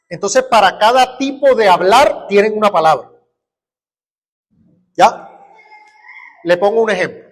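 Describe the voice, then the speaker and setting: Male Colombian pastor, high-pitched teaching voice, sermon in a reverberant church hall. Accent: Colombian Spanish. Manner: teaching with rhetorical questions and examples. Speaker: preacher. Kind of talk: expository sermon.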